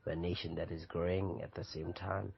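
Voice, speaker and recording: A man's voice: deep voice, level tone, fairly quick, gravelly, muffled recording. A South African man in his twenties, a podcast guest, answering questions in an earnest, reflective way with many "you know"s. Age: 20s. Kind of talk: interview answers.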